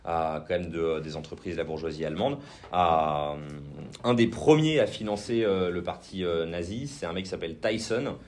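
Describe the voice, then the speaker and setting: A man with a French accent giving an informal political training talk, hesitant, with many fillers and restarts. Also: low voice. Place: indoor training session room.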